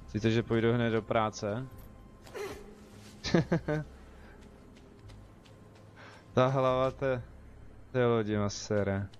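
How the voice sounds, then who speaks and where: A young man with a Czech accent streams a game live, chatting casually and joking with his viewers. He speaks at a medium pitch and pauses often.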